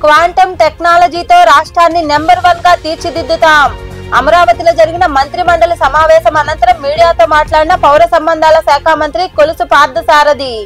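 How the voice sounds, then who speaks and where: A woman news anchor with a Telugu accent, reading a scripted bulletin in a brisk, formal manner. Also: very high-pitched, little pitch movement, a bit bright, soft background music.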